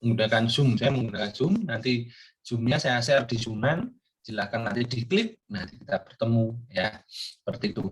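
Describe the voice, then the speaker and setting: A man's voice: mid-range voice, lively intonation, normal speed, husky. An older man giving a recorded course lecture, rambling with many fillers and questions put to his students.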